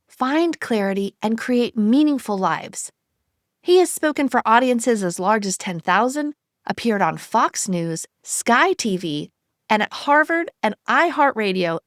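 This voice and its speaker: A woman hosting a podcast reads a polished introduction of her guest, then moves into a casual interview, enthusiastic and effusive. Her voice is a little high, recorded at studio quality with no room sound.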